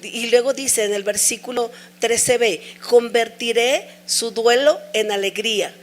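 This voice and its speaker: A woman's voice: fairly high pitch, unhurried. A middle-aged woman preaching a sermon, sharing an emotional personal testimony with earnest, repeated pleas.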